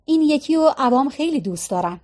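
A woman's voice: sits high, expressive, darkish tone. A woman voicing a restless young man who answers in short, offhand lines.

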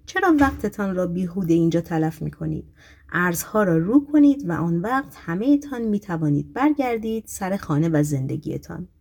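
A woman reading an audiobook, voicing a group of cooks who shout demands brusquely. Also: lowish voice, expressive, gravelly. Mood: demanding.

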